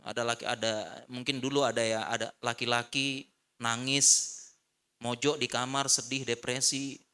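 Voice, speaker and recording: A man preaching in a mosque, giving an animated religious lecture to the congregation and repeating short refusals for emphasis. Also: medium pitch, normal speed, smooth. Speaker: Islamic preacher.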